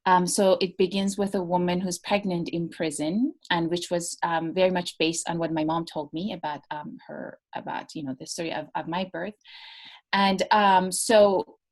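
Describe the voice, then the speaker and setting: A woman guest on a video call interview, talking about her work thoughtfully with many pauses and restarts. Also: on the low side, steady tone, a little mellow. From United States (born in Iran). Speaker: novelist guest. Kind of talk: casual interview talk.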